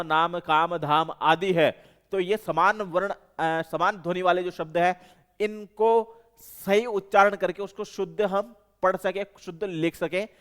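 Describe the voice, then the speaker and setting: A man's voice: high-pitched, clean tone. A man with a Rajasthani Hindi accent teaching an exam-prep lesson, explaining step by step and repeating key terms. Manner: explanatory, repeats key terms, self-corrects mid-word.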